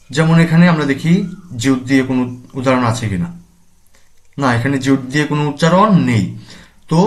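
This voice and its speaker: Slow-explaining man, Bangladeshi accent. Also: a little high. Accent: Bangladeshi Bengali. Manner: slow, deliberate, repeats terms and spells out sounds. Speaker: language teacher. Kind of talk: explaining grammar and pronunciation.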